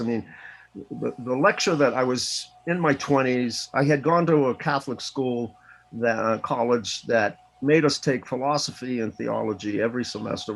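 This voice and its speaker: A man talks as a guest over a video call. His pitch sits in the middle but rises and falls a great deal as he tells his stories earnestly. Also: low-quality recording. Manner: animated, earnest storytelling. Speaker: interview guest. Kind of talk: casual interview.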